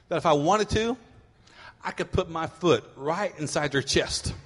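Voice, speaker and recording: A man's voice: sits high, in a large hall. A middle-aged man preaching a sermon as pastor, telling stories and acting out his kids' voices. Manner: animated storytelling, acting out voices of kids.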